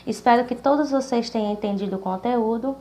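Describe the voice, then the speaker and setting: A woman's voice: on the high side, warm tone, a little hiss or hum. Brazilian woman teaching, syllables drawn out. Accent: Brazilian Portuguese. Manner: slow, stresses syllables one by one. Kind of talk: recorded school lesson.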